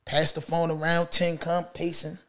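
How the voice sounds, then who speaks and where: A middle-aged man recounts his own past in a loose, slangy storytime. His voice sits high for a man and stays animated, with sudden loud bursts that drop back into low mutters. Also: moderate pace, crowd noise. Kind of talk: casual storytime.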